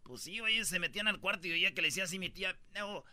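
Man, Mexican accent, high and very bright voice, slangy jokey host, dry close sound. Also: rapid-fire. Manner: joking, slangy, lively storytelling. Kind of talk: comic news countdown banter.

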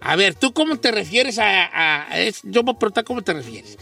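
A playful man jokes and teases his radio co-hosts in a very high, lively voice. He sits back from the mic, with faint music playing under him. His tone is bright and forceful. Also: a little fast, creaky, far from the mic. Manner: playful, teasing, animated storytelling. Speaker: radio show host. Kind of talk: casual banter on a comedy radio show.

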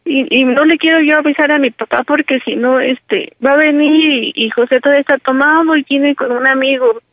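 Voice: high voice, brisk, no room sound. A performer playing a distraught young wife who rambles and pleads with her mother over a phone line. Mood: upset. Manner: pleading, tearful rambling with many restarts. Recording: narrow phone line, dry.

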